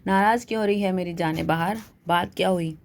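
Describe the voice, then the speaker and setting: A woman's voice: lowish voice, fairly quick, lightly acted. Woman voicing brash young college girl, mocking, teasing, storybook.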